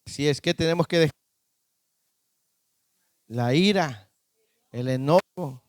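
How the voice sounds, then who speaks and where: A man's voice: on the high side, slow, dry recording. A man preaching a sermon as pastor, often quizzing the congregation with short questions. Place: church.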